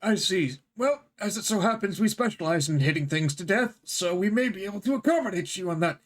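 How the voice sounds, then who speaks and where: A man's voice: high-pitched, lively intonation, a little fast. A man playing a tabletop game, speaking in character in a wordy, politely wry way. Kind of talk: casual in-character game chat.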